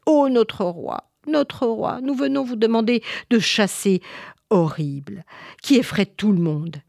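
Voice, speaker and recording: A woman's voice: fairly low pitch, animated, a little slow, creaky, dark tone, slightly rough, dry recording, studio quality, heavily acted. A woman voicing desperate villagers pleading with their king in a children's story. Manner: imploring.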